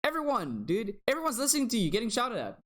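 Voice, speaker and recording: A man's voice: very high-pitched, huge pitch swings, fast talker, a bit bright. Rambling young male podcast co-host. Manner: rambling, laughs often, repeats words. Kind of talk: casual chat.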